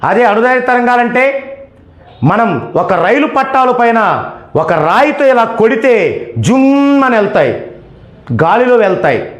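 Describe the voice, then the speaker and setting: A high-pitched man explains numerology with a lively, swooping delivery. He talks emphatically, posing questions and then answering them himself. His voice rings in an echoey room. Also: unhurried. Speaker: numerology teacher. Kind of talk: explanatory lecture.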